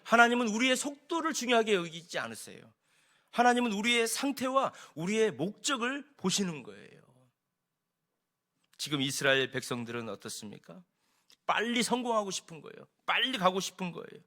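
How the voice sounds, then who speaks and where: A man preaching a sermon as senior pastor in a church, with animated rising and falling emphasis. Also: high voice, fairly quick. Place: church sanctuary.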